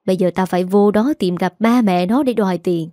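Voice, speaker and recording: A woman voicing an angry older female moneylender who scolds fast and rough. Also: mid-range voice, mellow, no echo, clean studio sound, close to an everyday voice. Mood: scolding.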